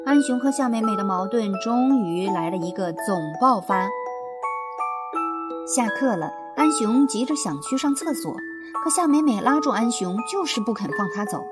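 Woman, children's storyteller, animated pitch, fairly high voice, music underneath. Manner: expressive, lively storytelling. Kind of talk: scripted storybook narration. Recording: music playing behind.

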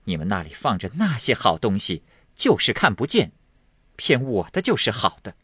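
A man voicing a brisk, teasing, authoritative young noblewoman in a storybook reading. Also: lowish voice, huge pitch swings, sharp tone, slightly rough, no echo, clean studio sound, heavily acted. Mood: commanding. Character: sharp, commanding young noblewoman of the household.

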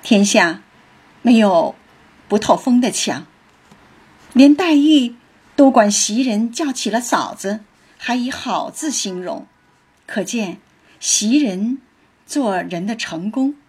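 Slow, breathy woman storyteller. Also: on the high side, lively intonation, darkish tone. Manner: slow, reflective. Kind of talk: storytelling with commentary.

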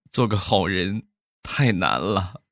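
A middle-aged man telling comic stories, with drawn-out trailing sounds. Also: low-pitched, a little hiss or hum. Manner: animated, drawn-out trailing 'ah's. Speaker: comedian storyteller. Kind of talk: comic storytelling monologue.

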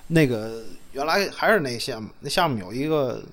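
A man telling casual anecdotes in a chat, animated and laughing, swinging between loud and soft with coarse slang. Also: mid-range voice, normal speed. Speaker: storyteller host.

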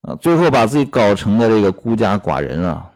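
A man with a lowish voice tells an old tale, his pitch rising and falling a lot. He breaks off to comment, tossing in fillers and questions to his listeners. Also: fairly quick. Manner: lively, frequent "啊" fillers, rhetorical questions. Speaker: storyteller and commentator. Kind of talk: storytelling with workplace commentary.

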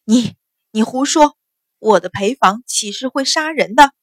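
A woman's voice: on the high side, moderate pace, dry recording, clean studio sound, close to an everyday voice. A woman reading an audiobook novel, voicing a haughty, scheming middle-aged stepmother of a noble house who speaks sharply and indignantly.

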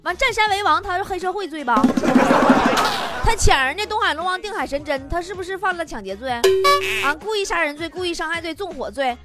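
Woman, high voice, teasing radio-style host, loud music underneath. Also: expressive. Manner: teasing, quick punchlines. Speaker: host reading listener messages. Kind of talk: comedic call-in style message reading. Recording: loud music bed behind voice.

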